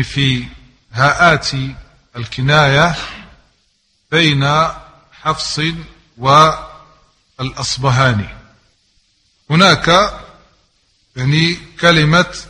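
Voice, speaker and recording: A man's voice: medium pitch, sharp tone, long reverb tail. A man teaching Quran recitation rules, repeating each example word several times and sometimes chanting verses.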